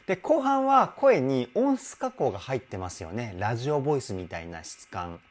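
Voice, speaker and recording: A man's voice: mid-range voice, sing-song, normal speed. A man working as a vocal coach, giving enthusiastic commentary that analyses a song's vocals and demonstrating sounds with his own voice.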